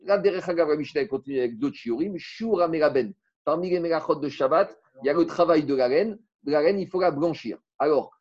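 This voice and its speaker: A man's voice: on the high side, a little mellow, dull audio. A man teaching a Talmud class in casual French, explaining step by step, asking rhetorical questions and mixing in Hebrew terms.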